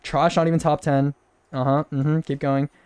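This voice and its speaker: A young man tells a rambling story in the casual, repetitive way of a streamer, stumbling over his words and laughing in disbelief. His voice sits a bit high for a man. The sound is dry and close, with no room echo. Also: flat delivery, normal speed, a little mellow, smooth. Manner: rambling, repeats himself, incredulous laughs.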